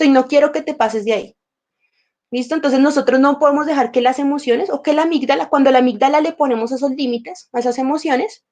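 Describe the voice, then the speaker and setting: A woman's voice: sits high, darkish tone. A woman leading an emotional intelligence workshop, talking conversationally and acting out inner dialogues with her emotions, her throat a little sore. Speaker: workshop teacher.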